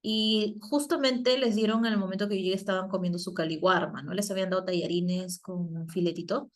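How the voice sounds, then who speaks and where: A woman's voice: medium pitch, steady tone, a little fast. A Peruvian woman teaches an online class over a video call. She often turns to her students with questions and fills her talk with fillers and tag questions, keeping the tone conversational. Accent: Peruvian Spanish. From Peru. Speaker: psychologist and teacher. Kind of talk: virtual class lecture.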